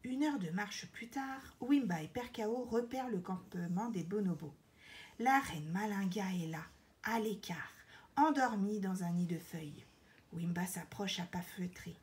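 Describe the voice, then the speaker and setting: A woman reading a children's picture book aloud in an expressive, measured way. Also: mid-range voice. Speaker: storyteller.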